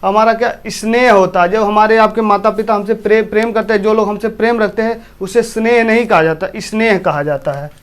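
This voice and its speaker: A man's voice: high-pitched, brisk, hardly any pauses, clean tone. A man teaching a class with a Hindi accent from eastern Uttar Pradesh, often repeating himself and asking his students questions. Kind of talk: classroom lesson.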